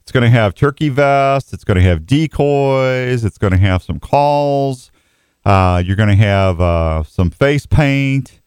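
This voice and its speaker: A man's voice: medium pitch, lively intonation, slow, a little mellow, smooth, no room sound, studio quality. A man hosting an outdoors radio show, chatting casually and jokingly with callers in a folksy way. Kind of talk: casual live sports radio chat with callers. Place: radio studio. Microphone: close studio microphone.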